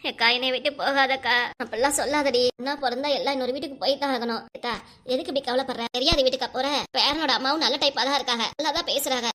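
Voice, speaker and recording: Woman, southern Tamil village speech, high voice, rapid, chatty and scolding. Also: fairly even intonation, fairly bright tone. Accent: southern Tamil Nadu village speech. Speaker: cartoon voice artist. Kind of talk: voicing many family members in a cartoon.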